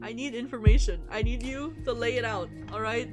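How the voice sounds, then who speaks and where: Livestreaming a visual novel, a woman with a fairly quick, high-leaning voice reads the text aloud and reacts in a giddy, exclamatory, dramatic way. Game background music plays behind her.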